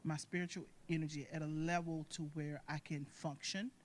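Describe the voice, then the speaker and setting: A woman in her forties, a singer and caregiver, chatting as an interview guest from a recording studio over a video call, animated and colloquial. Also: deep voice, moderate pace, slight background noise. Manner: expressive, animated, warm-hearted talk with colloquial phrasing. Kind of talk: casual interview talk.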